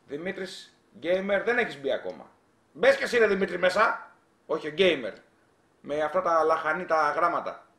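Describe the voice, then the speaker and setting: A man's voice: on the high side, expressive, pushed and bright, roomy sound. A man hosting a casual live stream, teasing viewers and reading their chat aloud during a giveaway.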